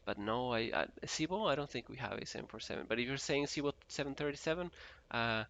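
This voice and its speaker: A man's voice: mid-range voice, animated, quick pace, fairly bright tone. A man from Mexico streaming a flight simulator, chatting casually and reading viewer messages aloud with frequent laughs. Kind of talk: casual live-stream commentary reading chat.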